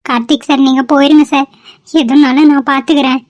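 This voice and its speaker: A woman's voice: high-pitched, flat delivery, quick pace, a little mellow, natural voice. A woman voicing a captive young woman who pleads and threatens her kidnappers, in a cartoon. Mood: urgent. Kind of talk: cartoon voice acting.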